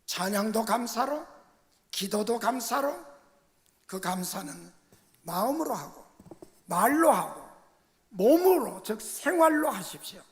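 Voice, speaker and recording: An older man preaching a sermon as senior pastor. He tells stories, moving between soft asides and emphatic bursts. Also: high voice, sing-song, slow pace, long pauses. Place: church sanctuary. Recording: reverberant church sanctuary.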